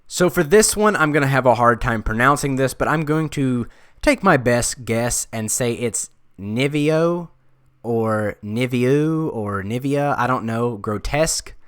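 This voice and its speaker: Young man, smooth clear tone, dry close sound, relaxed, lots of uhs. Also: medium pitch, moderate pace, dry recording. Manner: relaxed, thinking aloud with frequent uhs. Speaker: design video creator. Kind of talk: casual screen-recorded tutorial talk.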